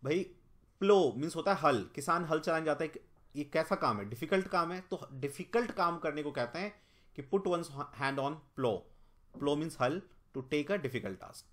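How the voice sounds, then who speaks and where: A teacher talking through a mock test for exam prep, spelling each word out letter by letter. The delivery thinks out loud, tries options and corrects itself along the way. English vocabulary terms are mixed into the explanations. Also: mid-range voice, expressive, unhurried. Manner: corrects themself mid-explanation.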